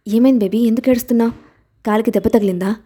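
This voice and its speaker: A woman's voice: mid-range voice, fairly even intonation, fast, warm tone, lightly acted. A woman doing a protective, commanding husband. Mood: firm. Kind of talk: dramatized audiobook reading.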